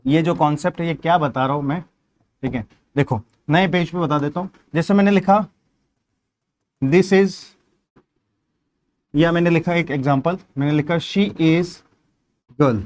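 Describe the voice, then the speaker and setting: A man's voice: fairly high pitch, measured pace, long pauses. A man with a Hindi accent teaching an exam-prep grammar lesson, explaining step by step and asking questions that he then answers himself.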